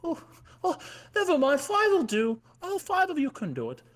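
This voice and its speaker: A man's voice: very high voice, wildly swooping pitch, normal speed, pitched above the performer's own voice, full character voice. A man voicing an elderly male bear who runs a honey heist, fussy and wavering. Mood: doting. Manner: fussy, wavering, breathy asides.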